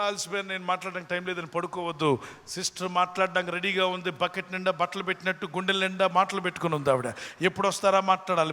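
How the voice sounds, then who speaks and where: A man's voice: high-pitched, sharp tone. A man preaching a sermon earnestly, with homely examples, who builds into fervent prayer. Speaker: pastor. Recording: long hall reverb with faint music.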